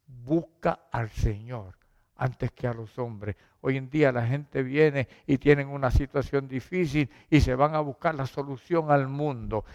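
A man's voice: a little high, in a large hall. A man preaching a sermon in a conversational, joking way, calling his listeners brother and sister.

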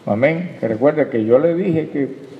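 A man preaching a sermon, calling for amens and dropping into hushed prayer. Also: on the high side, animated, measured pace, a little hiss or hum. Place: church hall. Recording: echoey hall, dull lo-fi sound.

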